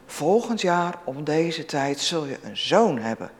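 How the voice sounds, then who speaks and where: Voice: medium pitch, sing-song, a little slow, long reverb tail. A reader voicing a commanding old prophet. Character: calm authoritative old prophet.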